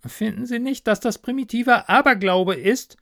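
A man's voice: very high-pitched, moderate pace, creaky, a bit bright, no room sound, clean studio sound, voice pushed up, full character voice. A man voicing the fretful, self-pitying ghost of a dead product manager, nagging in a raised voice.

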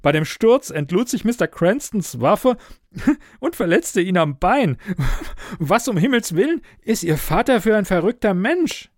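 A man's voice: sits high, very animated, unhurried, no room sound, studio quality, pitched above the performer's own voice, full character voice. A man voicing an Irish police officer in an audiobook, who keeps breaking into chuckles as he reads a report aloud. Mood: amused. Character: Irish male police officer, amused, embarrassed. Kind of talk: audiobook character voice.

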